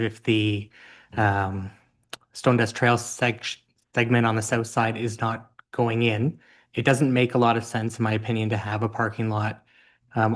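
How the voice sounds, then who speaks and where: Guy councillor asking staff stuff, pretty flat monotone, polite, lots of ums. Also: mid-range voice. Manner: polite, steady, thinks aloud with ums. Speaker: town councillor. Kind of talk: council meeting question.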